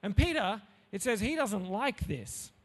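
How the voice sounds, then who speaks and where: High voiced guy doing a jokey bible talk, long hall echo. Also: a little slow. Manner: animated, jokey. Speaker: preacher. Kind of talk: Bible talk for young listeners.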